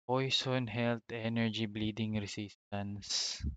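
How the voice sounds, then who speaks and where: A man's voice: fairly low pitch, fairly even intonation, slow, fairly bright tone, clean tone, no room sound. A man chatting casually while gaming, reading out item names and mixing in English. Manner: reads out item names, code-switching, chuckles. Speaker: gamer co-host.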